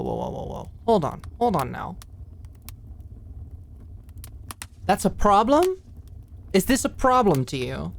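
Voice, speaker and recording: In an ASMR roleplay, a woman plays a feisty, protective, popular young woman at camp, her voice sitting low. She sounds defiant, speaking casually but haltingly and with emphasis.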